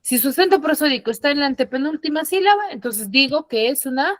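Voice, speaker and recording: Teaching online via a computer mic on a video call, a woman speaks fast in a high-sitting, expressive, fairly bright voice. She patiently explains and frequently asks check questions to ensure students keep up. The sound is clean, studio-like, with no echo.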